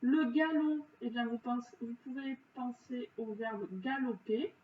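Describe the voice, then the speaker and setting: A woman teacher going through spelling exercises, explaining each answer slowly and patiently with frequent pauses and fillers. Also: a little high, steady tone. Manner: slow, careful, patient explanations with frequent "donc" and "euh". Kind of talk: correcting spelling exercises for pupils. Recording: dull, roomy, distant, faint hiss.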